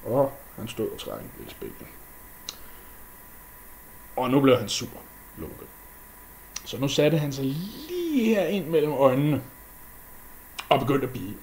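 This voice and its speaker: Casual male storyteller with a lively voice. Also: mid-range voice, long pauses, a little hiss or hum. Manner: casual, with fillers and sound effects. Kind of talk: unscripted myth retelling.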